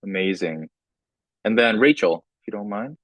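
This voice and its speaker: A young man moderating an online panel over a video call, relaxed and full of fillers and restarts. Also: fairly low pitch, moderate pace, no room sound.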